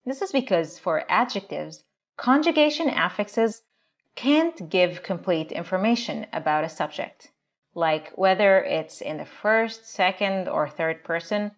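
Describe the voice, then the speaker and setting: A woman teaching a language lesson as the show's teacher, explaining grammar in a clear, deliberate way and slowing down for example phrases. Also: on the low side, animated. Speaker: Arabic teacher.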